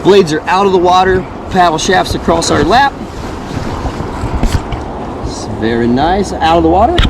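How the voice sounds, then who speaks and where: A man's voice: high voice, expressive. A man working as a rafting guide, giving casual, encouraging instructions to his group in an upbeat, informal way. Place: outdoors on a river by rafts. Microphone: action camera among the group. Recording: noisy outdoor action-camera audio, rushing water.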